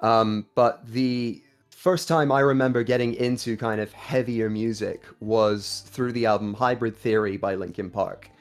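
A man's voice: on the low side, steady tone, measured pace, few pauses, faint music behind. A young man from Kuwait, a band singer, chatting casually as a podcast guest and reminiscing. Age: young adult.

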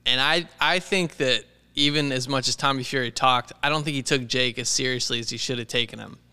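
A man's voice: mid-range voice, fairly even intonation, brisk, bright, forceful tone, clear, resonant tone. A man chatting casually about sports as a podcast co-host, recorded in a reverberant room.

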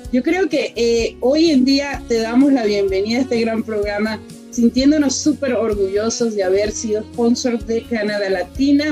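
A Toronto radio host with a warm, mid-range voice introduces a guest. She is effusive and welcoming, heaping on one superlative after another.

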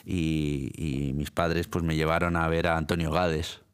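A man's voice: extremely low pitch, flat delivery, measured pace, smooth. A middle-aged man from Italy, a guest in an interview, talking casually with frequent restarts, repeated words and laughs.

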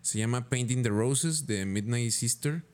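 A young man with a Mexican Spanish accent co-hosts a music podcast, chatting in a laid-back way packed with slang. His voice is mid-range, smooth, and darkish, and he talks a little slowly.

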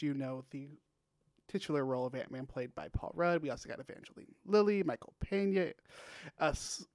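A man's voice: fairly high pitch, no echo. A man hosting a casual podcast, upbeat and rambling with plenty of fillers. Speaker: podcast host.

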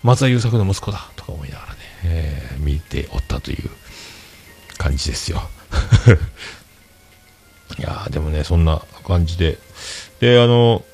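Rambling low-voiced man chatting on a stream. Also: measured pace, gravelly, long pauses, a little mellow, slightly rough. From Fukuoka, Japan. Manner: rambling, chatty, self-mocking. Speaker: livestream host. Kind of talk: casual solo livestream chat.

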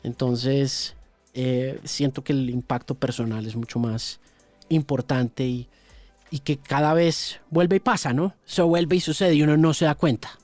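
A radio host from Colombia, telling stories in an interview, animated and full of repeated words and restarts. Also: male voice, mid-range voice, a little slow, dry recording, faint music behind. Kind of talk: storytelling in an interview.

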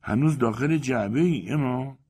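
A man voicing a fussy, excitable male magician who talks high and pushy in a storybook reading. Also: breathy edge, lightly acted.

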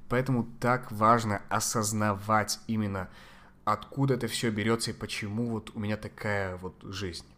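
A man giving conversational psychological advice as a podcast guest, sometimes halting to search for Russian words. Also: fairly low pitch, fairly even intonation, a bit bright.

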